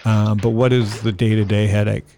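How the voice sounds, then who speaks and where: A man hosting a casual interview, asking loose, rambling questions that start over several times. His voice is low-key and mellow, with a gravelly creak. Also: flat delivery, moderate pace, a little hiss or hum.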